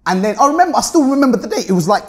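A man's voice: very high voice, big pitch swings, racing, a little mellow. A man in his thirties from Luton with a British urban roadman accent, talking casually in slangy, street-tough style as a podcast interview guest. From Luton, England. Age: 30s. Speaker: interview guest, car rental business owner. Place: indoor meeting room at a table.

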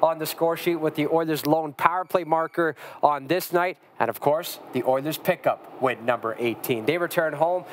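A man, hosting a post-game hockey show from a TV studio desk in a crisp, scripted delivery. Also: fairly high pitch, moderate pace, few pauses, a little hiss or hum. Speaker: sports show host.

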